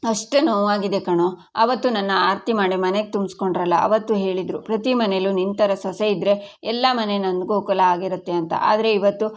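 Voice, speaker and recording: A woman's voice: medium pitch, steady tone, normal speed, natural voice. A woman voicing a tearful young daughter-in-law who speaks in a wounded, complaining way. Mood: hurt.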